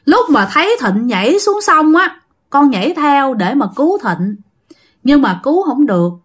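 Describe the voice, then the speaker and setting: A woman's voice: high voice, very animated, moderate pace, voice pushed up. A woman voicing the ghost of a drowned young man begging his parents' forgiveness. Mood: remorseful pleading. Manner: pleading, apologetic. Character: drowned young man's ghost, remorseful and devoted.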